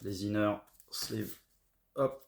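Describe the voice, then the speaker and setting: A man's voice: on the low side, slow pace, vocal fry, a little hiss or hum. A middle-aged man from France chatting casually and hesitantly, with many fillers, about records he found. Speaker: record collector vlogger. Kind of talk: casual haul video chat.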